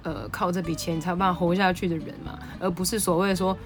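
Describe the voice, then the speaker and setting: A woman with a Taiwanese Mandarin accent hosting a podcast, telling a story in an animated, excitable way. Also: on the low side, quick pace, soft background music. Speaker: podcast host. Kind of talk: casual storytelling monologue.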